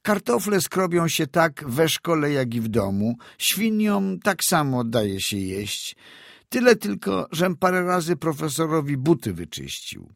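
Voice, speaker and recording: A man's voice: on the high side, big pitch swings, a little slow, vocal fry, no room sound, clean studio sound, pitched above the performer's own voice, exaggerated voice. A man voicing a stubborn, complaining poor village boy in a read-aloud story. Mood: aggrieved. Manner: whiny, complaining rural talk.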